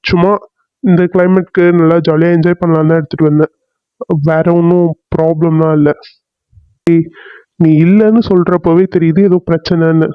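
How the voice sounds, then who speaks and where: A man's voice: a little high, clear, resonant tone, no room sound, close to an everyday voice. A man voicing a bossy, teasing village friend. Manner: scolding, teasing, blunt. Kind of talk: cartoon serial voice acting. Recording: slightly dull lo-fi dry audio.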